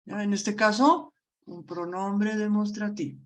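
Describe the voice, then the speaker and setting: Slow, patient woman teaching grammar. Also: mid-range voice, steady tone. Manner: slow, patient explaining with frequent check-ins. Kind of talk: online grammar lesson.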